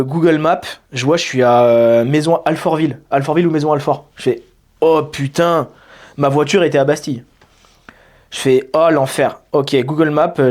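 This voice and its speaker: Relaxed man telling a bar story. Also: on the high side. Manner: relaxed storytelling with many fillers. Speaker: bartender guest. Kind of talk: casual chat.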